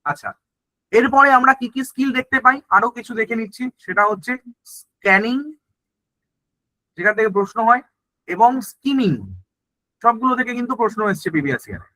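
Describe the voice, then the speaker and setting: A man's voice: extremely high pitch, lively intonation, brisk, long pauses, pushed and bright, dry recording, low-quality recording. A man teaching an exam-prep lesson. He explains in Bengali mixed with English terms and keeps checking that the class is following.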